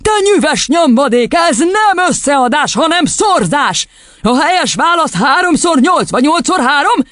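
A huge, tyrannical headmistress, put on by a man reading an audiobook, roaring insults in a raised, loud voice that leaps wildly up and down. She threatens and bellows without pause, sounding dry and close. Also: very high voice, big pitch swings, no room sound, pitched above the performer's own voice, heavily acted. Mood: bellowing.

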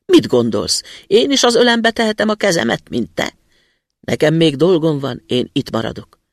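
Grouchy old woodcutter, raised gravelly voice, lively scolding, read by a man. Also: medium pitch, no echo, clean studio sound, heavily acted. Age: older.

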